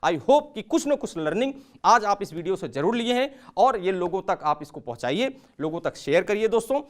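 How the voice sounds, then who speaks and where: Here a man who trains people in communication shares a story during a motivational speech, voice swinging widely in pitch and surging in volume without warning. His pace is brisk, he calls the audience his friends, and his Hindi is sprinkled with English.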